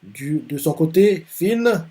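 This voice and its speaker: Mellow-voiced man retelling a manga. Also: a little high, lively intonation, takes it slowly. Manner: rambling, full of fillers and restarts. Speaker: manga reaction host. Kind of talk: casual retelling of a manga chapter.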